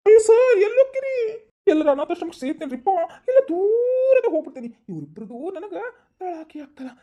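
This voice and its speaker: A woman's voice: very high voice, sing-song, quick pace, dark tone, highs cut off, voice pushed up. A woman playing a fed-up male police officer who groans in exasperation, with a North Karnataka Kannada accent. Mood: weary.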